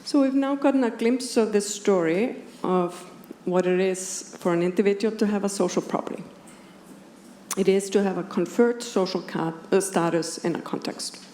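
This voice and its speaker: An academic philosopher from Iceland, a native Icelandic speaker with the accent to match, gives a measured and precise lecture at a conference. Her mid-range voice is mellow; the talk is partly scripted, delivered to an audience indoors in a roomy hall with clearly audible background noise.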